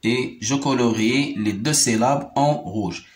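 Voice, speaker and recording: A Moroccan primary school teacher gives a slow, deliberate French phonics lesson in a medium-pitched voice, with soft music in the background. He repeats words slowly, syllable by syllable, and explains in Arabic as well.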